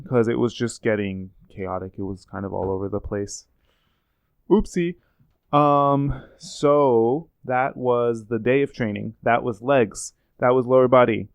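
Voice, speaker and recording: A man's voice: medium pitch, smooth, no echo. A man vlogging casually in a playful, joking, loose way. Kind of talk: casual chat.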